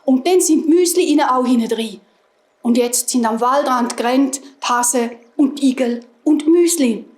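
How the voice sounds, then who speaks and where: Storyteller, woman, Swiss German accent, high voice, gentle fairy-tale telling, roomy echo. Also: moderate pace. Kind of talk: fairy tale told to children.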